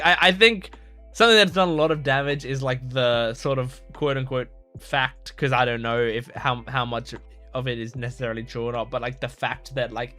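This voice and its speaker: Sharp in tone and medium in pitch, the male host of an anime reaction channel offers laid-back, reflective remarks. He's thoughtful and sincere but meandering, leaning heavily on "like" and often starting sentences over.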